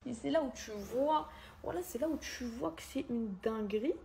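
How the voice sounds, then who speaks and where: A young woman speaks straight to her viewers in a storytime vlog. Her voice sits a little high and she sounds hurt and angry. Faint noise hums under the recording. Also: normal speed, vocal fry, warm tone. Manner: emotional, hurt and angry, addressing viewers as girls. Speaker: content creator.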